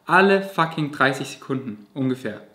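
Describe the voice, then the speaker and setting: A man's voice: mid-range voice, expressive, normal speed, pushed and bright. A man vlogging, telling a personal story to camera in a vivid, emotional way with casual swearing. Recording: roomy echo.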